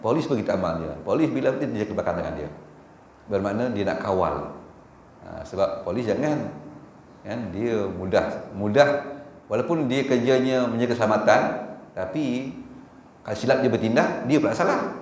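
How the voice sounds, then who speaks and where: Malaysian preacher in an echoey mosque. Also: male voice, mid-range voice, a little mellow. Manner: conversational, often asks the audience "kan?" and laughs; recites Arabic in a raised, slow chant. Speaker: religious teacher. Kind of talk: mosque dawn lecture. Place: mosque hall. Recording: echoey mosque hall, faint room hum.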